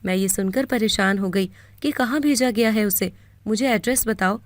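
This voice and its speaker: A woman with a Pakistani Urdu accent narrating a first-person moral story in a steady, earnest way. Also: medium pitch, dry recording.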